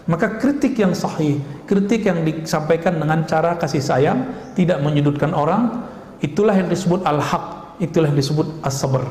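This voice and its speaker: A man preaching a lively sermon and asking the audience questions, now and then acting out scolding voices. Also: on the high side, moderate pace. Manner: animated, acts out scolding voices, laughs. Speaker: Islamic preacher. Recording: echoey hall recording with ambience.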